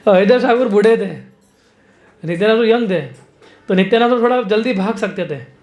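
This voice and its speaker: A man's voice: sits high, fairly quick, dull audio. A man preaching a devotional storytelling sermon, chanting verses, laughing often and adding rhetorical asides.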